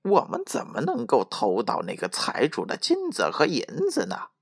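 A man voicing a pair of greedy male thieves who talk in a startled, hushed and urgent way in a storybook reading. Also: medium pitch, huge pitch swings, moderate pace, vocal fry, husky, pitched above the performer's own voice, exaggerated voice. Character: two greedy grown male thieves, jumpy.

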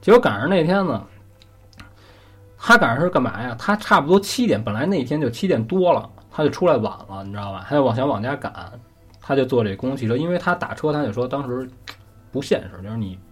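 A man's voice: mid-range voice, big pitch swings, fast talker, fairly bright tone, slightly rough, faint music behind. A man telling a story in a chatty, conversational way, often asking the listener questions. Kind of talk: casual spoken storytelling.

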